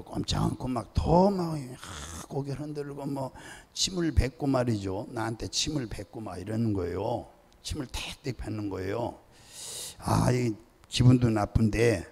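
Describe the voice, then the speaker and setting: A man's voice: medium pitch, expressive, normal speed, creaky, big-room sound. An older man, a pastor emeritus, preaching a sermon and telling stories, acting out the voices of people in them. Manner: storytelling, acting out pleading and shouting voices. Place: church sanctuary.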